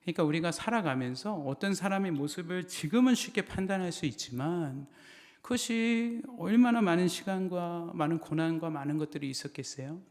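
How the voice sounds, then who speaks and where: A man's voice: fairly high pitch, a little fast. A middle-aged male pastor preaching a sermon, telling a story and then building to fervent preaching. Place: church sanctuary. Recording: long church-hall reverb.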